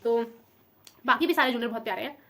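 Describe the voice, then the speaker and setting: A young woman talks quickly in a casual vlog, her voice sitting a little high. She sounds emotional and affectionate, rambling from one thought to the next. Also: pushed and bright. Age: young adult. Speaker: vlogger.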